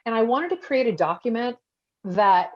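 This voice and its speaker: A woman's voice: on the high side, expressive, moderate pace. A woman from Texas, an author and documentary photographer, talking casually and reflectively with many restarts during an online event. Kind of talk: casual talk answering audience questions. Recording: dull lo-fi video call audio.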